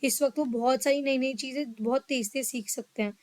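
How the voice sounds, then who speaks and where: A woman teaching a psychology lesson, reading English lines slowly and explaining them in quicker Hindi, often checking in with her listeners. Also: sits high, steady tone, darkish tone, dry recording, low-quality recording. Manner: checks in with "ठीक है". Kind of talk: lecture mixing Hindi and English.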